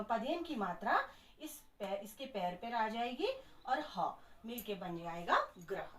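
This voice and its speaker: A woman teaching children Hindi spelling in a classroom lesson, slowly sounding out each letter step by step. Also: high voice, fairly bright tone, distant mic. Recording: echoey room, voice from off mic.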